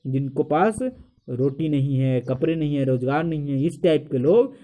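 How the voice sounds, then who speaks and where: A man's voice: fairly high pitch, moderate pace, mellow. A man teaching a school poetry lesson, asking questions and answering them himself, calling the viewers his friends. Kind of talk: explaining a school poem lesson.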